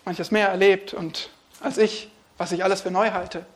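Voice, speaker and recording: Expressive man preaching a sermon. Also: sits high, moderate pace. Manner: expressive, swings between hushed and emphatic.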